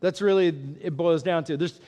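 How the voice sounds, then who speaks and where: A man's voice: high voice, fairly even intonation, moderate pace, mellow. A male pastor giving a conversational sermon, candid and self-deprecating, laughing often and asking his listeners questions.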